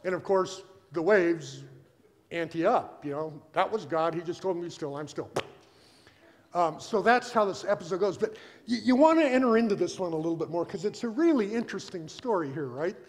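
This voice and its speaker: A man preaching a sermon as pastor, telling the story with animated energy and acting out the characters in quotes. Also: high voice, brisk. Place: church sanctuary. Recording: long reverb of a church hall.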